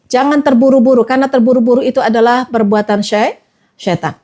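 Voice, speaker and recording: A woman with a light lilt gives an Islamic motivational talk in a fairly high voice. She talks to her listeners as friends and coaxes them along, repeating key words over and over. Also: steady tone, fairly quick, warm tone. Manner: repetitive, coaxing, addresses listeners as friends. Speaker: motivational trainer.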